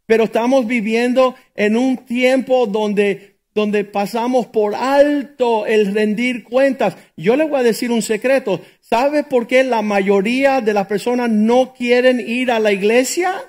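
High-voiced middle-aged male pastor preaching. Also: measured pace, hardly any pauses, a little mellow. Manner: conversational preaching, rhetorical questions. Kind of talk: sermon.

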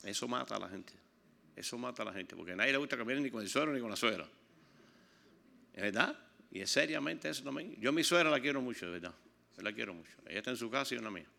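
Racing along in a mid-range voice with vocal fry, an older man from Cuba preaches his testimony. His Cuban Spanish accent carries lively stories in which he performs the voices of the people involved.

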